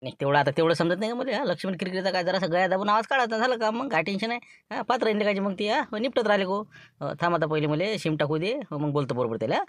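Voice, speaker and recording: A man's voice: high voice, rapid-fire, fairly bright tone, no room sound, studio quality. A man with a Varhadi Marathi accent playing a boastful schemer in a comic sketch, rambling about his plans. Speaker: scheming villager in a comedy skit.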